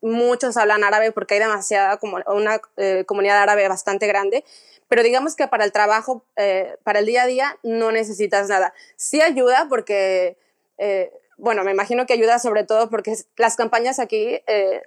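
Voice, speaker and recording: A young woman with a Mexican accent, talking as an interview guest in a casual, animated way, often restarting her sentences. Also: mid-range voice, normal speed. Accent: Mexican Spanish. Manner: chatty, animated storytelling with frequent restarts.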